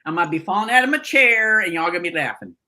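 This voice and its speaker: A woman's voice: on the low side, expressive, fast, bright, forceful tone. A woman in her sixties co-hosting a podcast in casual, joking chat with a playful, folksy way of talking. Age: 60s. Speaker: podcast co-host.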